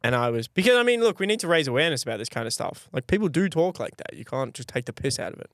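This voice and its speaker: Aussie podcast co-host, man, jokey, laughs easily, bouncy pitch. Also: rapid-fire, no room sound, studio quality. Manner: animated, laughs often, jokey. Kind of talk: casual chat.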